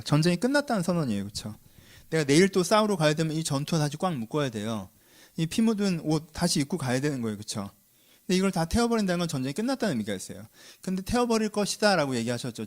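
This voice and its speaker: A man's voice: a little high, sing-song, fast talker, a little mellow. A man preaching a sermon, constantly asking his listeners questions and answering them himself. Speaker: pastor.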